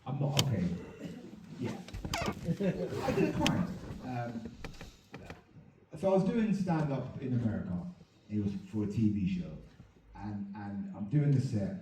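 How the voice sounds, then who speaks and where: A man doing a crude, mocking stand-up set before a laughing crowd, dropping to mutters and bursting into loud outbursts. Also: mid-range voice, lively intonation, measured pace, long pauses, background noise. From England. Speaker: stand-up comedian. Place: comedy venue with a live audience. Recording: echoey room mic'd from a distance, loud crowd laughter.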